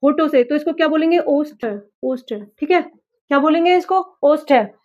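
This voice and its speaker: High-voiced woman drilling a lesson. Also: moderate pace, darkish tone, muffled recording. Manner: repetitive, drilling, asks and answers own questions. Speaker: teacher. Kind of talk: exam-prep classroom lesson.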